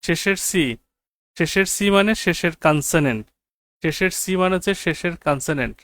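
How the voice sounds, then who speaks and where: A man teaching an English grammar lesson, repeating key phrases slowly and checking whether his students follow. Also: a little high, fairly bright tone, dry recording. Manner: quizzes students with rhetorical checks. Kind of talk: classroom grammar lecture.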